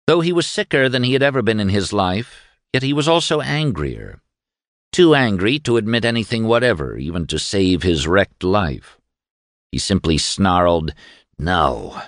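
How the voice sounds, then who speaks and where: A man reading a novel aloud as narrator, in a grave, measured way. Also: fairly low pitch, animated, dry recording, studio quality. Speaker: audiobook narrator. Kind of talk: scripted narration.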